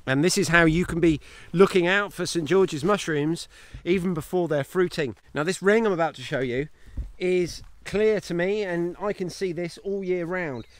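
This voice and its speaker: Holding his phone at arm's length, a man in his thirties walks a grassy paddock and vlogs about mushroom foraging for his homesteading channel. His voice sits high and moves at normal speed, and he's chatty and enthusiastic as he points things out.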